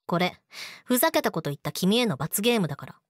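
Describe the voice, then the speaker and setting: A woman's voice: medium pitch, very animated, fast, dry recording, clean studio sound, lightly acted. A woman playing a sweet but eerily obsessive, jealous young girlfriend in a teasing audio drama spoken to the listener. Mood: teasing, menacing. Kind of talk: Japanese situation voice audio drama, addressed to the listener.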